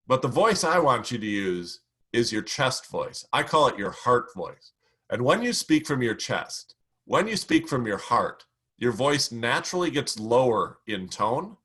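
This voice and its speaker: A middle-aged man teaching how to tell stories and speak with confidence, in a measured, emphatic delivery. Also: fairly high pitch, pushed and bright. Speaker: speaking coach. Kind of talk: instructional talk.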